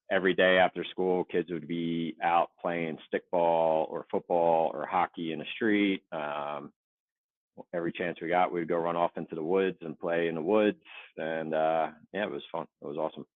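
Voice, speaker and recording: A man in his forties from the Philadelphia suburbs, chatting casually as an interview guest in a relaxed, rambling, self-deprecating way over a remote call. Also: low voice, no echo. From Philadelphia suburbs, USA. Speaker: guest, Navy veteran. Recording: tinny phone-like dry line.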